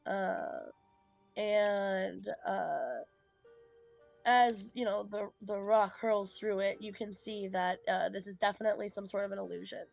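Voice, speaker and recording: A woman's voice: medium pitch, steady tone, a little slow, gravelly, a little mellow, dull audio, faint music behind. A woman narrating as game master of a tabletop game, hesitant with many fillers.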